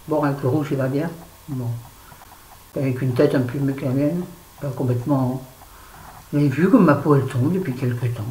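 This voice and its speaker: A woman's voice: extremely low pitch, dark tone, a little hiss or hum. A woman in her fifties talks straight to camera in a casual vlog, rambling from one thing to the next with blunt, self-mocking remarks. She sounds stressed and a bit irritable. The recording has an echoey room sound with faint background ambience. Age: 50s. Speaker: vlogger. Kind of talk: casual unboxing chat to camera.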